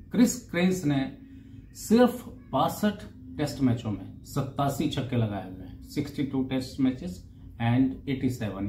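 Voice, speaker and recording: A man casually reading out cricket statistics, saying the numbers in both Hindi and English and pausing now and then over names and figures. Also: mid-range voice, mellow, slight background noise. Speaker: cricket stats presenter. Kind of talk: casual talk. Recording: roomy echo with faint ambience.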